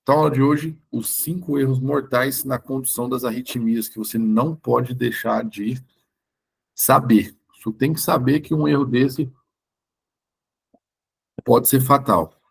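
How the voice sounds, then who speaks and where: A hoarse man with a Brazilian Portuguese accent, a doctor giving a live online lecture in an informal way that keeps checking in with his listeners. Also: mid-range voice, fairly even intonation, a little slow. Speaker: doctor teaching a course.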